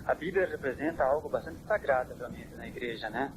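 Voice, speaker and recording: Priest asking calm questions, mid pitch, old cassette with steady hiss. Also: male voice, fast talker. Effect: old worn cassette tape. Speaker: interviewer, priest. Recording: hissy worn cassette tape.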